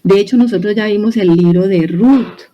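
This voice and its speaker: A Colombian woman with a Colombian Spanish accent leads a church Bible study. Her voice is warm and mellow, sitting at a middle pitch for a woman. She explains at an easy teaching pace and often backs up to rephrase. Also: normal speed, low-quality recording. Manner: explanatory, conversational, with many restarts. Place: church hall.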